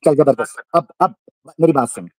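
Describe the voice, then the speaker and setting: A man's voice: a little high, moderate pace, a little mellow, dry recording. A man hosting a livestream debate, taunting and repeating his jabs in a heated call-out. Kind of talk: heated live call-out on stream.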